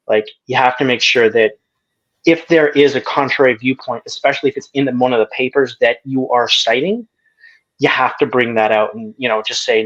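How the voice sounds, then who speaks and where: A man's voice: medium pitch, fairly bright tone, muffled recording. A man joining a debate stream as a guest, speaking casually with many hesitations and restarts.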